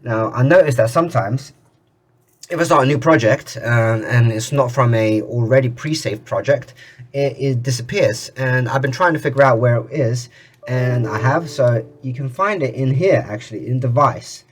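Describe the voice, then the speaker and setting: A man's voice: medium pitch, normal speed. A man giving a casual screen-recorded tutorial, chatty with frequent restarts and some exasperated asides. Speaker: 3D printing tutorial creator.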